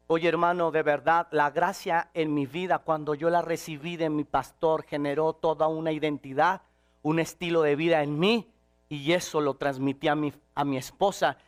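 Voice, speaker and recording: Preacher guy, high voice, goes from yelling to soft and back. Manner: swings from shouted to quiet and intimate. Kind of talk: sermon.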